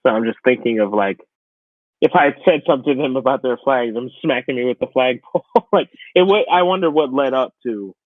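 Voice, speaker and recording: Talking briskly in a mid-range voice, a podcast co-host chats casually, sounding opinionated and incredulous. The recording is dry, with a thin, phone-like radio quality.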